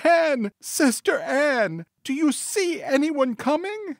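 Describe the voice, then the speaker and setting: Scared young wife in a folktale, super high voice, tearful begging, swoopy and desperate. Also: male voice, expressive, slow pace, creaky, no room sound, studio quality, full character voice. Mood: desperate pleading. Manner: crying out, beseeching.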